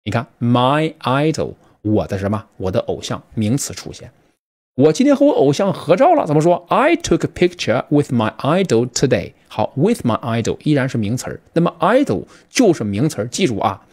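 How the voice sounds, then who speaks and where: A man teaching a short vocabulary lesson, talking straight to his students and quizzing them as he goes. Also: medium pitch. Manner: lively, addresses students directly with quick questions. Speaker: English teacher.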